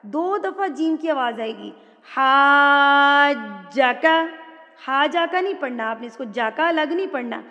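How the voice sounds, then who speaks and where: A woman teaching an online Quran recitation lesson, explaining patiently step by step and drawing out words slowly when she recites. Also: high voice, lively intonation, long reverb tail, muffled recording. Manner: slow drawn-out recitation of Arabic words.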